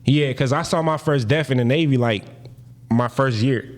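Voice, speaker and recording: A man in his thirties from New Jersey telling a story in a casual interview, slangy and animated, acting out the people he quotes. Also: medium pitch, normal speed. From Paterson, New Jersey. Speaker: guest.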